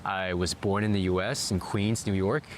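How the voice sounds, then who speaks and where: A man with a fairly low voice, raised in Malaysia, talks through his vlog in a steady, explanatory way. Faint noise sits under the recording. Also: normal speed. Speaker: vlogger. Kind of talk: scripted vlog narration.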